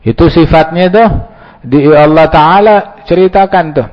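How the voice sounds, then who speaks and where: A man preaching an Islamic sermon. He tells it as an animated story, acts out the dialogues, and mixes Arabic quotations with slang. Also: on the high side, a little slow. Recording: dull lo-fi sound with long hall reverb.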